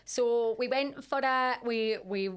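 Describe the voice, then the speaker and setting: A Scottish woman co-hosting a podcast, telling a story in a casual, animated way and swearing freely. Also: fairly high pitch, slow pace, smooth. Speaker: podcast co-host. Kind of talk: casual chat.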